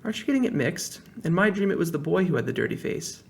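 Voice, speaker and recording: Storybook young girl, sensible, higher and softer, read by a man. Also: sing-song, fast, vocal fry. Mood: wondering.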